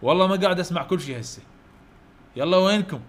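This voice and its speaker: A man's voice: sits high, racing. Iraqi man drilling letters with coaxing praise. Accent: Iraqi Arabic. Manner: coaxing, repetitive praise, loud call-and-response drilling. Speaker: English teacher for children. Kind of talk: online letter-drill lesson.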